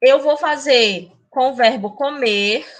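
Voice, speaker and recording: An online Spanish class is taught by a woman who calls herself "a tia," speaking in a chatty, teacherly style on a computer mic. Her high-pitched voice generally takes things slowly, though she speeds up when excited.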